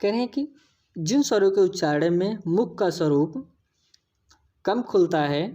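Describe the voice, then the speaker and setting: A woman's voice: lowish voice, expressive, measured pace, warm tone. A woman teaching an exam-prep lesson, explaining patiently, repeating key points and addressing viewers as friends.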